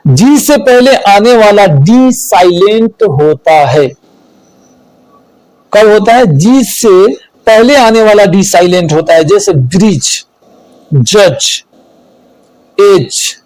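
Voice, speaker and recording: A man teaching English spelling rules, slow and deliberate, repeating each rule and listing examples. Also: high-pitched, expressive, a little mellow, no room sound, poor audio. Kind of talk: spelling lesson explained in Hindi.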